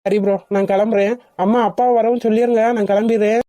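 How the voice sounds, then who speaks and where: Woman doing a chill cartoon doctor guy, low voice, kinda distant, dry sound. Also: flat delivery, fast talker, dark tone, no echo, close to an everyday voice. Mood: calm. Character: young adult male doctor uncle, calm.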